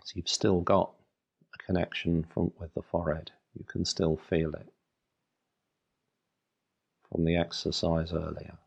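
Low, gravelly man guiding a meditation. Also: little pitch movement, lo-fi sound. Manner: soothing, unhurried instruction in short phrases with long pauses. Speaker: meditation guide. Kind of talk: guided meditation.

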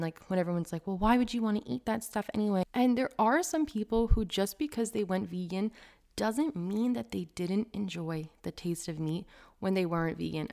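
A young woman who is a vegan food blogger, chatting casually to camera in an animated, ranting way full of "like" fillers. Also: on the low side.

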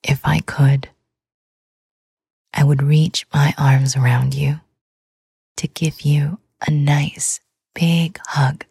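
Female sleep-podcast host; slow, soothing whisper, gravelly and mellow. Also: low voice, flat delivery, no echo. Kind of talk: whispered ASMR sleep talk.

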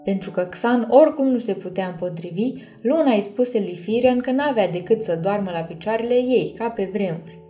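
A woman narrating a children's storybook chapter in a calm, measured way. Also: mid-range voice. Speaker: audiobook narrator. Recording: soft music underneath.

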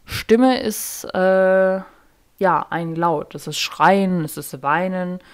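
Young woman, podcast host, slightly low voice, casual solo monologue, self-deprecating, rambling sentences. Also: slow, smooth. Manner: chatty, self-deprecating, loses track of sentences. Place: sitting on her bedroom floor.

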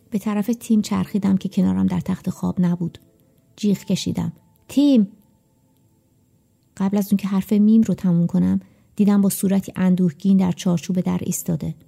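A woman narrates a first-person story in audiobook style, her voice dark and very mellow with a gravelly texture. She reads at a measured, reflective pace, and soft music plays faintly underneath. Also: medium pitch.

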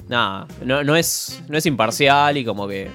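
A man's voice: mid-range voice, expressive, a little slow, a bit bright, faint music behind. A man with a Rioplatense Argentine accent who hosts a joking sports talk show with a teasing manner. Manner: teasing, often laughing. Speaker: host.

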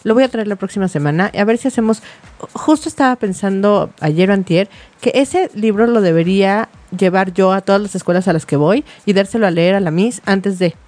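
A woman's voice: mid-range voice, fairly quick, a little mellow. A woman with a Mexican accent, co-hosting a talk show, earnest and enthusiastic. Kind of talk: casual chat.

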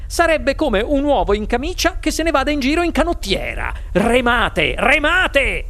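An eccentric, excitable chocolate maker, as a male audiobook reader puts him on barks orders in a bright, sharp tone. His pitch leaps around restlessly, and his lines come out quick and impatient. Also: gravelly, heavily acted. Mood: brisk excited. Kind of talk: audiobook character voice.

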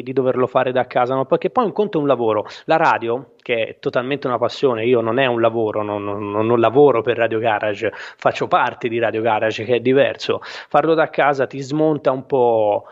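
Halting male radio host in a small room. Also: medium pitch. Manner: halting, rambling, self-correcting. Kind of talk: casual live radio chat. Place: small room at home, not a proper studio. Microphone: home microphone with headphones. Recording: dull small-room home broadcast, slight echo.

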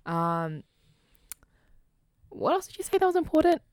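A woman's voice: high voice, sing-song, unhurried, a little mellow, no room sound. A woman in her twenties with an Australian accent, co-hosting a podcast in casual, joking chat with many fillers. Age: 20s. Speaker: podcast co-host.

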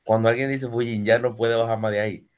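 A Dominican-accented man on a casual podcast, jumping in with jokes and repeating himself as he gets going. His voice sits at an ordinary middle pitch, and he talks in a loose, lively back-and-forth. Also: quick pace, clear, resonant tone. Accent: Dominican Spanish. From Dominican Republic. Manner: animated, joking, repeats words. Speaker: podcast co-host. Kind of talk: casual chat.

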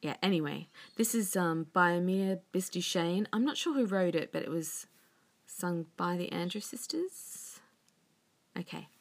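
A woman chatting casually and softly to her audience, with breathy, near-whispered phrases and rambling asides, recorded on a phone in a bedroom. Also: lowish voice, animated, unhurried. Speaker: singer and ukulele player, host. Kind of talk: casual music vlog chat. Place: bedroom, sitting on bed by a window. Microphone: iPhone propped on a windowsill.

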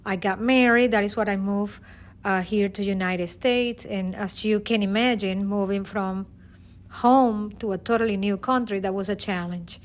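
A middle-aged Venezuelan teacher, appearing as a guest, gives an earnest, emotional personal testimony in Venezuelan-accented Spanish, restarting often. Her voice sits at medium pitch with fairly even intonation and a moderate pace.

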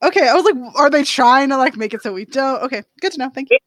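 A woman's voice: high voice, expressive, fast, fairly bright tone, no room sound. A woman playing a tabletop role-playing game, chatty and given to giggling. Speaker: player. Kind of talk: casual tabletop role-play.

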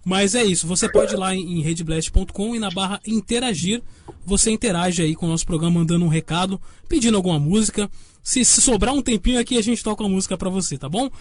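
A man's voice: high voice, fast, no room sound. A man with a Brazilian accent hosting a live web radio show, his voice clipping and distorted on an overdriven microphone as he chats casually and reads out listener messages. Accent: Brazilian Portuguese.

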